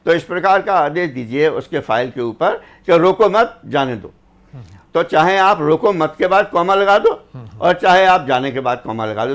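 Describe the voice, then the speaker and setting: This is a man on a studio news panel, talking in a measured and reflective way. He weaves couplets and old sayings into his points. His voice sits a little higher than most men's. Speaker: panelist, former government officer.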